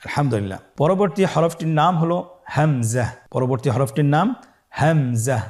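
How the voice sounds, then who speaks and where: A man teaching Quran letter pronunciation step by step, slowly drawing out each letter for the listener to repeat. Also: a little high, lively intonation, darkish tone. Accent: Bangladeshi Bengali. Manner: slow, drawn-out model pronunciations for the listener to repeat.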